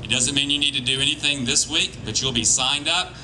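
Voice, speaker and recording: A plain-spoken man giving an informal political speech as a campaign organiser, with halting restarts. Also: medium pitch. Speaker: campaign organiser addressing volunteers. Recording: crowd noise behind live speech. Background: crowd.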